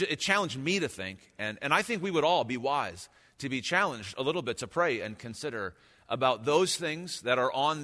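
Bright-voiced pastor at a pulpit microphone. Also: male voice, medium pitch. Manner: conversational, reflective preaching. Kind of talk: sermon. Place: church sanctuary. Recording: long church hall reverb.

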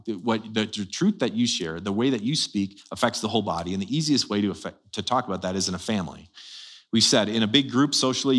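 A man with a low voice preaching a relaxed, chatty sermon from the pulpit. He keeps asking the congregation questions and leans into key phrases with sudden lifts in pitch and volume. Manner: casual, asks the congregation many rhetorical questions; animated, jumps up in pitch and volume for emphasis. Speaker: pastor. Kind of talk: conversational sermon.

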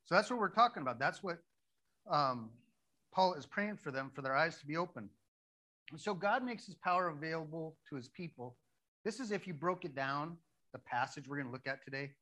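A man preaching a sermon, reading a Bible story aloud and acting out the characters in lively asides. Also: on the high side, poor audio. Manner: animated, acts out the story characters in quick asides. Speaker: pastor.

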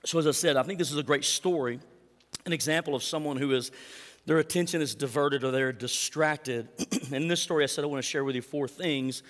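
Preacher with a raised voice in a hall. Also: male voice, a little high, brisk. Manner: reads scripture aloud with dramatic emphasis; asks the congregation for responses. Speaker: pastor. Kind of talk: sermon.

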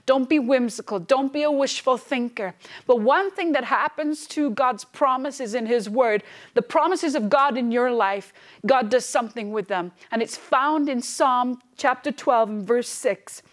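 A woman's voice: high voice, unhurried. A woman in her thirties, a pastor preaching a fervent, emphatic sermon and repeating phrases for stress. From Wales.

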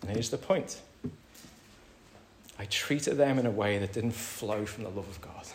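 A man with a British accent preaching a sermon in a conversational way, calling the congregation "folks" and swinging between loud emphatic lines and soft quiet asides. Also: lowish voice, measured pace, slight background noise. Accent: British English. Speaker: pastor. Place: church hall. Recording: roomy church hall with faint ambience.

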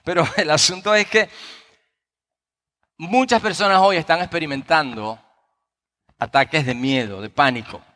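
Man, pastor, bright voice, storytelling sermon, frequent tag questions, long hall reverb. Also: fairly high pitch, normal speed, pauses often.

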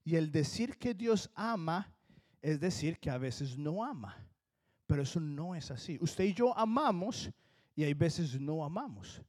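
A pastor with a Colombian accent preaches with earnest emphasis, his voice pitched slightly high for a man and darkish in tone. His intonation is lively, and he slows way down to stress the key words.

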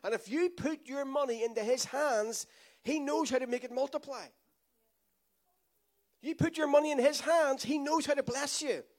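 Male pastor, very high voice, emphatic call-and-response preaching. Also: normal speed. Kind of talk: sermon.

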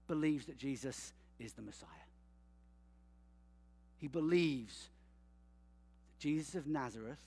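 Preacher, male, higher voice, lively conversational sermon, long hall reverb. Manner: conversational, animated, frequent "okay?" check-ins.

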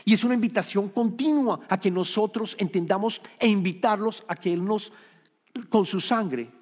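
A man's voice: high-pitched, darkish tone, breathy edge. Earnest preacher man in a reverberant hall. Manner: earnest, repeats key phrases, restarts words. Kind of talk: Bible-study sermon.

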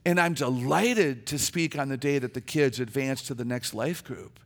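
Speaking at a moderate pace, a guest preacher, a middle-aged woman whose voice is naturally low, shares personal stories during a church sermon. She comes across as chatty, funny, and sincere.

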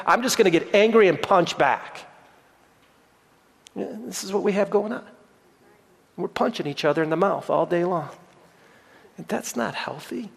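Middle-aged male pastor, earnest sermon delivery, repeats lines for weight, high-pitched, reverberant hall sound. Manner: earnest preaching, repeats phrases for emphasis.

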